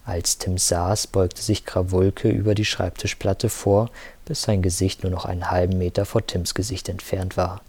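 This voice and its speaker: A man reading a novel aloud as narrator, in a steady, measured storytelling manner on a close mic. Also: sits low, husky. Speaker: audiobook narrator. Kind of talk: scripted narration.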